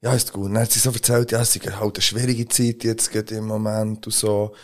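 A man with a Swiss German accent co-hosting a podcast, telling a story in a relaxed, laughing way. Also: on the low side, fairly quick. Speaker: podcast co-host. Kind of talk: casual chat, storytelling.

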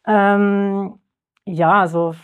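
A woman's voice: mid-range voice, steady tone, very slow, clear, resonant tone, narrow, tinny audio. A young woman, a guest in a panel discussion, who talks hesitantly and thinks aloud with many fillers.

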